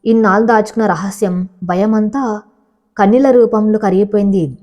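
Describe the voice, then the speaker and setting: A woman narrating an emotional love story in a steady, measured way. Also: medium pitch.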